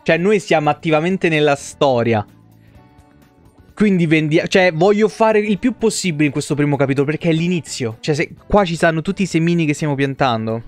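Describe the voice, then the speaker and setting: Expressive and a bit high, this young man from Italy talks fairly fast over faint background music while streaming games from a home room. Close to his desk mic, he rambles through casual, profanity-laced livestream chat, repeating words for emphasis.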